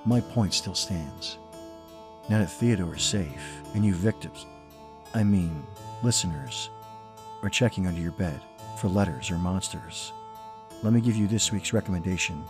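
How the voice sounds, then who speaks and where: A man with a low voice performs as a horror host. His scripted delivery is theatrical and playfully macabre, a showman of spooky tales. Soft music plays behind him. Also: normal speed.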